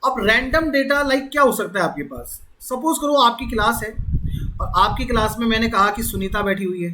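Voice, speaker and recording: A man's voice: sits high, animated, a little fast, pushed and bright, slight background noise, rough recording. A man teaching an exam-prep lesson, explaining step by step and repeating key words. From India. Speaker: reasoning teacher. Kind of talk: exam-prep classroom lecture.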